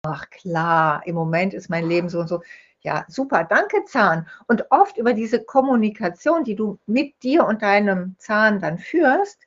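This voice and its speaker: A woman's voice: medium pitch, lively intonation, a little slow. A woman speaking as an interview guest, telling stories and playing out the lines of the people in them. The recording sounds dull and lo-fi. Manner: storytelling, acts out quoted speech. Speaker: guest, holistic dental health speaker. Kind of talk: conversational interview.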